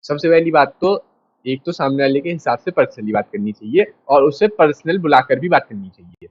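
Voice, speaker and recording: A man's voice: fairly high pitch, animated, a little fast, muffled recording. A man teaching a class in a casual, direct way, repeating his points and talking straight to the students. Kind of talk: casual lecture.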